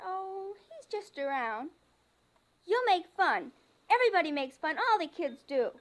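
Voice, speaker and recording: Radio play role: insistent, excitable small girl, piping high and highly animated. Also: a little slow, full character voice. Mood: earnest, secretive. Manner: loud, strong, insistent. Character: excited, bossy, definite little girl playing invasion. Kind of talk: old-time radio drama acting.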